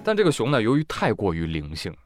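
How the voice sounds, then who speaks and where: A man's voice: lowish voice, huge pitch swings, quick pace, over music. A man giving comic news commentary, wisecracking and often laughing.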